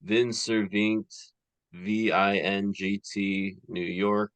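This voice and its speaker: Deep slow-talking male podcast host. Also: clean tone, dry recording. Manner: relaxed, rambling, many fillers. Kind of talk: casual podcast chat.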